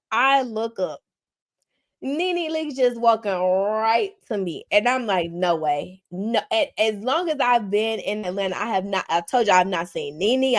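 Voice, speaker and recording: A woman podcast co-host, excitedly retelling a celebrity encounter in casual chat. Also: medium pitch. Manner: animated, excited retelling with quoted dialogue.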